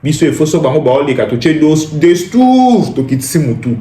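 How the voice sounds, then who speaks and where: A man's voice: a little high, very animated, normal speed, dark tone, reverberant. A Congolese man commenting emphatically, repeating phrases and switching between languages. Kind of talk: impassioned spoken commentary.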